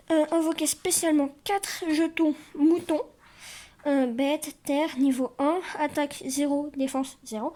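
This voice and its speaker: High, unhurried woman host, reads cards aloud haltingly, excitable asides. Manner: hesitant, many filler sounds while reading; excitable little exclamations. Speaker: card game video host. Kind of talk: casual commentary while reading cards aloud.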